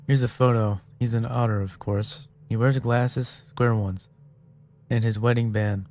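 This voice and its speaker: A man voicing a worried otter wife who hires a detective, read softly and hesitantly. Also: mid-range voice, steady tone, measured pace, natural voice.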